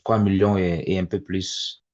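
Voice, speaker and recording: A low-pitched man in his forties leads a webinar for parents. His talk is halting and full of fillers and repeated words, and it comes through dull, lo-fi video-call audio. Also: level tone, a little mellow. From immigrant to Canada. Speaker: webinar facilitator.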